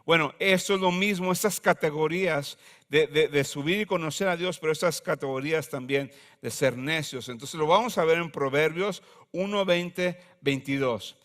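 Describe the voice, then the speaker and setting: A pastor preaching a conversational sermon with humor and slang. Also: male voice, on the high side, moderate pace, fairly bright tone.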